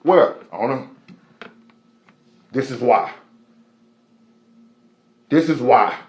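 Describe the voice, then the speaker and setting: A man's voice: mid-range voice, expressive, very slow. A man preaching a live-streamed sermon, emphatic and repetitive, with many rhetorical questions. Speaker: preacher teaching a Bible lesson. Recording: echoey room.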